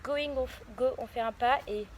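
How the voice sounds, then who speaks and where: A woman's voice: on the high side, moderate pace. A woman teaching a dance routine, counting beats aloud and giving short step cues. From France. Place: dance studio. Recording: loud background noise.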